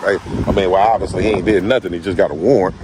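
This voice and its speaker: A man's voice: low-pitched, steady tone, very fast, background noise. A man filming officers outdoors, talking casually and informally, often repeating himself and laughing in disbelief. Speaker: citizen journalist filming an arrest. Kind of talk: casual confrontational talk with officers. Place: outdoors on a street.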